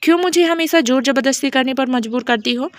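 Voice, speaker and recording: A woman's voice: high-pitched, a little fast, no room sound, lightly acted. A woman voicing a controlling young man in an audio love story, with stern, scolding speech. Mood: angry.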